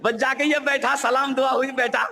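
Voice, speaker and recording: A man's voice: very high voice, moderate pace, vocal fry, a little hiss or hum. A man preaching, telling a humorous story in a sermon and acting out the voices of its people. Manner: animated, acts out voices, shouts at times.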